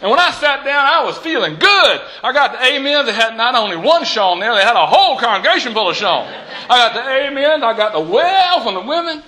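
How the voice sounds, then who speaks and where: Very high, bright-voiced male preacher. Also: sing-song, fairly quick, hardly any pauses, rough recording. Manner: storytelling preacher with a repeated call-and-response refrain; emphatic, building from soft to shouting. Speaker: pastor. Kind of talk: Easter sermon.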